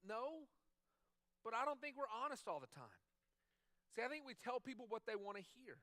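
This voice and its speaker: A man's voice: very high voice, very animated, moderate pace, pushed and bright, no room sound, clean studio sound. A man preaching a sermon as a pastor, talking conversationally and repeating phrases for emphasis. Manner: acts out quoted dialogue in other voices.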